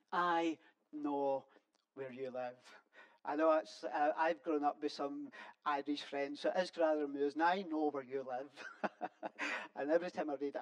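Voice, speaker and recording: Halting, earnest conversational preacher. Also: medium pitch, rough recording. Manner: halting, with frequent repeated restarts. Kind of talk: sermon.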